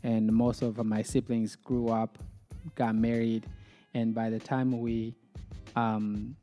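A man with a Burundian accent speaking as an interview guest, conversational and halting, often repeating words as he goes. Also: medium pitch, flat delivery, dark tone, soft background music. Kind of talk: conversational interview, telling own story.

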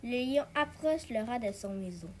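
Woman narrator for a fable read-aloud, steady and clear, high voice, faint hum behind. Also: moderate pace.

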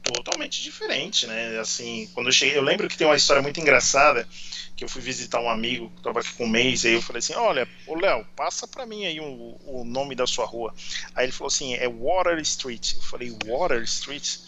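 A man's voice: medium pitch, animated, fast talker, bright, forceful tone. Chatty Brazilian man on a dull stream. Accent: São Paulo Portuguese. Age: 40s. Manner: chatty storyteller. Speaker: guest. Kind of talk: casual interview chat.

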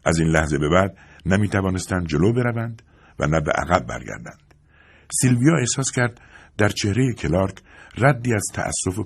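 A man narrating a literary audiobook in a calm, even storytelling manner. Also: sits low, creaky, husky.

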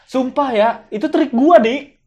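A young man with who teases his friend with quick jokes in casual chat. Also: extremely high pitch, dark tone. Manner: teasing, jokey interjections. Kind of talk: casual podcast chat, teasing.

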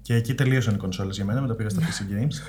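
A man's voice: fairly low pitch, a little mellow, slight background noise. A man co-hosting a casual podcast chat with a Greek accent, talking fondly and at ease about old video games. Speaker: podcast co-host. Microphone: headphones with studio mic.

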